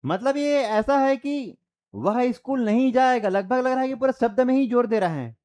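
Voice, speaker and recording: High-pitched guy teaching grammar, super lively up-and-down voice, keeps asking the class questions. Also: moderate pace, clean tone. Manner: explains by repeating and quizzing students. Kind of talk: exam-prep grammar lecture.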